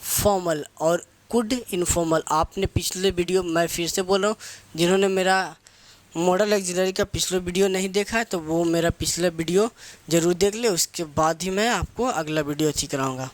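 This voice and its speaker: A man's voice: sits high, moderate pace, no room sound. A man teaching English grammar for exam students, asking questions and answering them himself, mixing English phrases into his talk. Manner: asks a question and answers it himself, drilling terms; mixes English phrases into spoken Hindi. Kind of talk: lecturing for competitive exam students.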